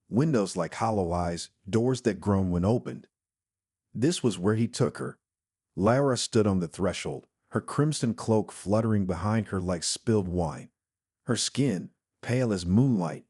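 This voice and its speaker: Low, husky man narrating ominously. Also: a little mellow, dry recording, clean studio sound. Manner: slow, brooding, ominous. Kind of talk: dramatic scripted narration.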